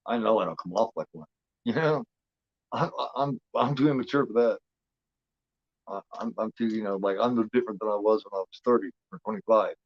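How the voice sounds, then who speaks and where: A man's voice: lowish voice, fairly quick, no echo. Rambling fifty-year-old man, muffled audio. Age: 50s. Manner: rambling, repeats himself, frequent fillers and swearing. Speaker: host. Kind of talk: casual watch-along commentary.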